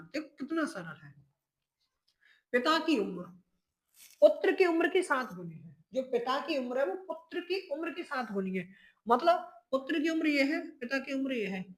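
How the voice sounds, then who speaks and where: A teacher with a high voice explains a math exam problem one step at a time. Each step gets repeated and restated. The class is called children, and the teacher checks in with them often. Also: sing-song, normal speed, poor audio. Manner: addresses students as children, keeps checking in with "ठीक है".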